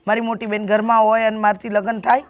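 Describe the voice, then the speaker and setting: A woman's voice: on the high side, little pitch movement, quick pace, muffled recording, lightly acted. A woman playing a mother who sternly lectures her headstrong daughter. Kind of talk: family drama acting.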